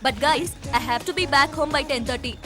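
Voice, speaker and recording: A woman's voice: sits high, drawn-out words, music in the background. An actress playing a sassy young woman with strict parents. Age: young adult. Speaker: film character, friend.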